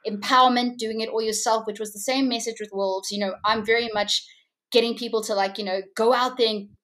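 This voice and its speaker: Upbeat, slightly high-voiced woman. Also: steady tone, brisk, a bit bright. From Hong Kong. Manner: chatty and upbeat, lots of restarts and laughs. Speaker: guest musician. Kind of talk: casual interview chat. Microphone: video call.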